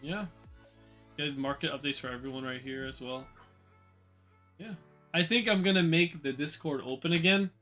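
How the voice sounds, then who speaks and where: A man with a fairly high, bright and forceful voice talks through a relaxed market livestream. He rambles casually, repeating words and answering his chat as he goes, with soft music playing faintly behind him. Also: normal speed, pauses often. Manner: chatty, loose, answers chat aloud with filler and repeats. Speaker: trading livestream host.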